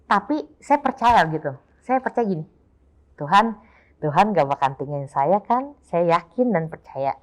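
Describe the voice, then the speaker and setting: A woman's voice: fairly low pitch, normal speed. Woman sharing a heartfelt testimony. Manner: emotional, repeats herself, quotes others in lively voices. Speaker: guest sharing her testimony. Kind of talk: casual personal testimony.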